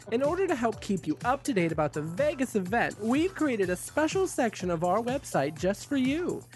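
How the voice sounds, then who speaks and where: A gushing, glamorous drag queen delivers a promo in a campy, theatrical way. The voice sits high and swoops freely, with faint music underneath. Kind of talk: scripted promo announcement.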